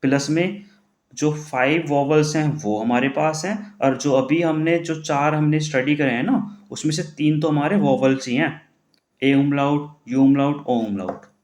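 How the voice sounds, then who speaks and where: A man teaching the German alphabet in a classroom style, putting questions to the class and answering them himself, repeating words slowly. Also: on the high side, a little mellow. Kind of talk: classroom-style lesson explaining pronunciation. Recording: echoey room.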